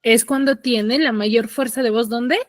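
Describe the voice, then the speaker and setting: A woman's voice: a little high, steady tone, unhurried, no echo. A woman teaching an online class with a Peruvian Spanish accent, leading students through questions step by step. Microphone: computer mic on a video call.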